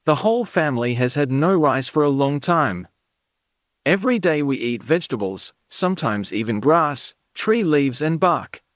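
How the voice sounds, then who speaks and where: Narrator putting on a raging uncle, raised voice, lively swings, audiobook figure. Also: male voice, a little high, normal speed, dry recording, studio quality, pitched above the performer's own voice, natural voice. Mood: furious. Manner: shouting, furious. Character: angry hungry adult male uncle.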